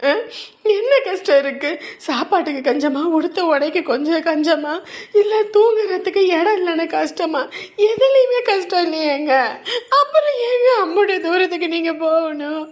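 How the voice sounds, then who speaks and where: Woman acting crying young wife, begging, high voice, family drama. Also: normal speed, a little mellow. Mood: tearful pleading. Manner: begging, repeats her plea. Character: young pregnant wife, tearful, pleading with husband. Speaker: pregnant wife.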